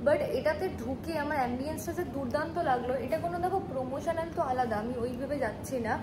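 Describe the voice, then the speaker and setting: A young woman chatting in a couple vlog, lively and mixing in English words. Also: high voice, fast, background noise. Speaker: vlogger.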